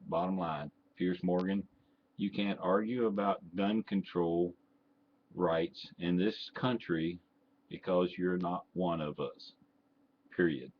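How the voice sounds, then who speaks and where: An older Texan man, a vlogger and ham radio operator, rants his opinions straight to camera in a low, steady voice, taking it slowly. His accent is Texan mixed with Southern, and he's blunt and indignant, full of "uh"s and restarts. The dull lo-fi home recording carries faint noise.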